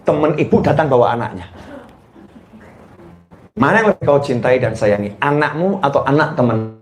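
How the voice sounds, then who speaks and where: A man preaching a sermon to a live audience, playfully quizzing the mothers and mimicking them in high squealing voices. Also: expressive, normal speed, roomy sound, a little hiss or hum. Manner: playful, teasing the audience with questions.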